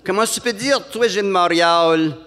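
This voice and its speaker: Un homme imitant une Montréalaise pressée, voix aiguë. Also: male voice, sits high, normal speed, fairly bright tone, pitched above the performer's own voice. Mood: exasperated. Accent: Acadian. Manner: exclamatory, sighing about the Lord. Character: brusque hurried Montreal woman tourist. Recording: long hall reverb.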